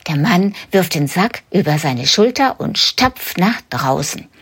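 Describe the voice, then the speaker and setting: A woman reads a children's story as a whispered role-play, soft and hushed like a bedtime tale. Her breathy voice moves slowly, with a lively, sing-song rise and fall. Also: fairly low pitch.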